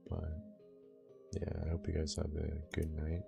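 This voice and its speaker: A man's voice: a bass voice, monotone, unhurried, creaky, music in the background. A young man streaming a game, chatting casually with his viewers in a laid-back, slangy way. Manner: laid-back, slangy, talks to chat and himself. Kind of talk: casual live-stream chat.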